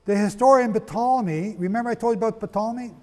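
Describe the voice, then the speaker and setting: A man giving a sermon-style history lecture, firing rhetorical questions at his listeners, spelling out names and rushing to get through it. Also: high voice, in a large hall. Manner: asks the audience rhetorical questions; rushes, apologizes for talking fast. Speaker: preacher.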